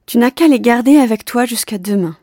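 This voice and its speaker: A kind, eager young girl with a lifted voice, as a woman reading a storybook puts her on. She speaks with encouraging warmth over a mellow, dark tone. The sound is close and dry. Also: on the high side, animated, a little fast, dry recording. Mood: gentle. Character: kind young girl planting magic flower seeds.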